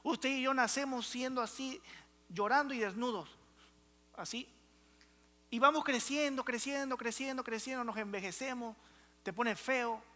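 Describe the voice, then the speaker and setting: A man's voice: very high voice, normal speed, pauses often, pushed and bright. A young adult man preaching a sermon as pastor, emphatic and calling out to the congregation in a church. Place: church hall. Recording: reverberant church hall.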